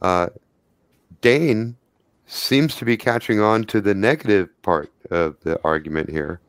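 A man narrates a tabletop game as game master. His voice is fairly low and very clean, with a close, dry sound. The narration is improvised and conversational. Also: measured pace, no room sound.

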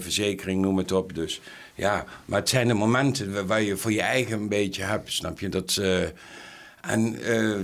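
Low gravelly guy talking slow and halting in a casual chat.

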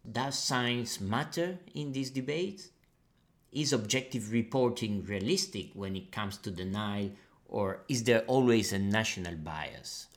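A man hosting a podcast, a lecturer and researcher reading a scripted introduction in a measured way. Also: on the low side. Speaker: podcast host. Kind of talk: scripted narration.

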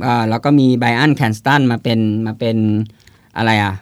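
A man's voice: mid-range voice, steady tone, a little slow, no echo. A man co-hosting a casual chat show about upcoming films, joking and laughing easily as he talks. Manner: jokey, laughs often, many restarts. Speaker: co-host.

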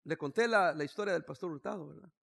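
A sixty-year-old man, a pastor, preaching a sermon with humorous stories, moving from quiet asides to shouted declarations. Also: on the high side, fast, creaky. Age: 60s.

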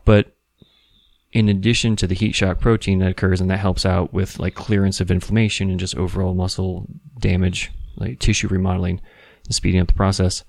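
A man explains things casually on a podcast in a very low voice with plenty of gravelly fry. His intonation stays quite flat. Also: fairly quick, dry recording. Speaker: podcast co-host.

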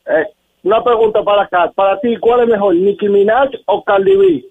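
Male phone-in caller, slightly high voice, thin phone-line sound. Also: very animated, moderate pace, dry recording.

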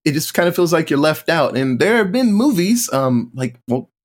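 A man guesting on a movie podcast, speaking in a measured, thoughtful way with pauses. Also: fairly high pitch, very animated. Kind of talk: casual movie discussion.

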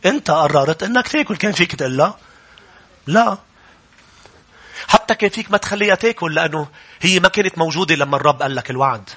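A male pastor with a Lebanese Arabic accent preaches animatedly before his congregation in a church, quoting scripture, putting questions to them and rising to loud, urgent preaching. His voice is a little high with a breathy edge, and he talks fast but pauses often.

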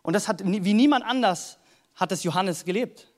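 A man's voice: high-pitched, normal speed. A man preaching a sermon in an earnest, conversational way, reading Bible passages aloud. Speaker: pastor.

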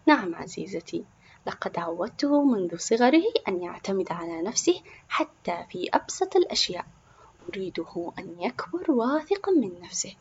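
A woman voicing a gentle, patient young mother in a storybook, speaking softly. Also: mid-range voice, very animated, quick pace, highs cut off, slight background noise, lightly acted. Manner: soft, tender.

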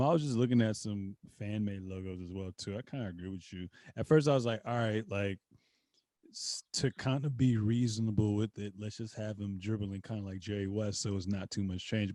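A man's voice: fairly low pitch, fairly even intonation, brisk, mellow, dry recording. A man hosting a podcast in casual chat, easygoing and agreeable. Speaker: podcast host. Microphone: remote recording.

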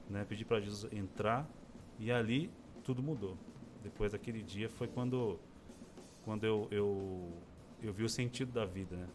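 Man, 40s, interview guest, casual personal testimony, expressive, acts out quotes, faint background music. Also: on the low side.

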